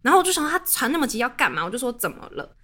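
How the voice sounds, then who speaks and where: A young woman with a Taiwanese Mandarin accent tells a story quickly and vividly. Her pitch swings widely, and her voice is bright and forceful. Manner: animated, chatty storytelling. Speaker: podcast host. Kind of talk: casual storytelling chat.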